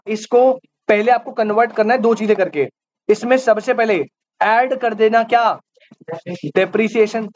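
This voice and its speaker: A man teaching commerce to a live class. He keeps quizzing the students and repeats the key terms back to them. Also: high-pitched. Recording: dull lo-fi audio with faint hiss.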